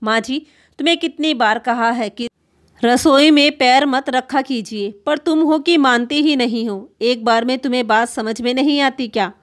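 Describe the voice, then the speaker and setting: A cruel daughter-in-law snaps and scolds with open contempt, as a woman narrator puts her on. The voice is slightly high and cutting. This is storybook dialogue, read aloud. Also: normal speed, close to an everyday voice. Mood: scolding.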